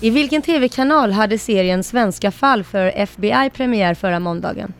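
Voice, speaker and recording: Radio co-host, woman, mid-pitched, brisk and upbeat quizmaster. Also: soft background music. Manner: brisk, upbeat question reading. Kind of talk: radio show banter and quiz reading.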